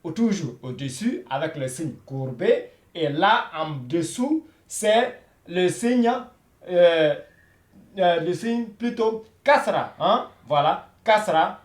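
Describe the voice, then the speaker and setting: A man teaching beginners Arabic in a slow, patient lesson, repeating himself and saying "voilà" often. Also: on the high side, lively intonation, reverberant.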